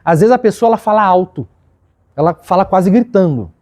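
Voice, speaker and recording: A man's voice: sits high, fairly quick. Brazilian man leading a workplace training. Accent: Brazilian Portuguese. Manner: lively, acts out examples. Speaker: leadership trainer.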